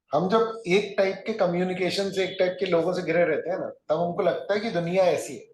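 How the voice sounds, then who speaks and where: A man gives a classroom lecture, his fairly high voice ringing in an echoey room. He talks conversationally and keeps checking that his students are following. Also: a little mellow. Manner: conversational, checks understanding often. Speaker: teacher.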